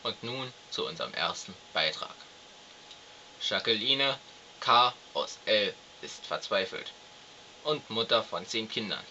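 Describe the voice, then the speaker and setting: A man hosting a satirical magazine show, reading absurd news in a deadpan, mock-serious manner on a dull recording. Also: on the low side, a little slow, a little hiss or hum. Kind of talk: mock news presenting, scripted narration.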